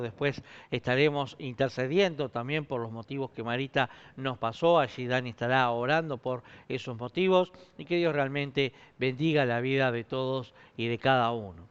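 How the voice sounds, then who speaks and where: A man's voice: medium pitch, a bit bright, clean tone. A man with a Rioplatense Spanish accent, a pastor making informal church announcements with many fillers. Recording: muffled lo-fi stream.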